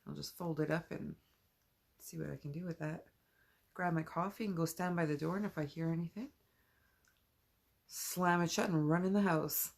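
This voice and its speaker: A woman chatting casually in a rambling late-night vlog, at home and then outside in the dark, sometimes dropping to a whisper. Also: deep voice, steady tone, moderate pace, gravelly, long pauses. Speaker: vlogger.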